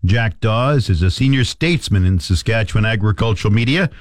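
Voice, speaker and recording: A man's voice: on the low side, animated, a little fast, slight background noise. A man with a Canadian accent reading a scripted radio farm report as the host.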